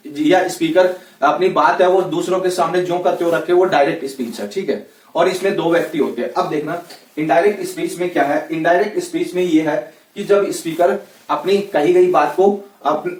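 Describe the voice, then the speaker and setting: A man with a Rajasthani Hindi accent and a fairly high voice, teaching grammar in a loose, chatty classroom way. He keeps checking in with his listeners. The echoey room and his distance from the mic give the sound a hollow edge. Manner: chatty, repeats "ठीक है, है ना" constantly. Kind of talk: casual classroom lecture.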